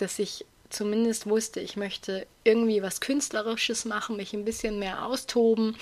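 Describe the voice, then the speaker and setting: A young adult woman hosts a solo podcast, chatting casually in a hoarse, raspy voice with self-deprecating asides. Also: mid-range voice. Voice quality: raspy, grating voice. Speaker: podcast host.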